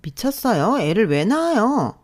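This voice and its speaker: A woman doing a vain young wife with a sharp tongue, snippy and scornful in every word. The voice is pushed up higher than a plain speaking voice, as in a told story. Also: sing-song, normal speed, close to an everyday voice. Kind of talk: storytelling role-play.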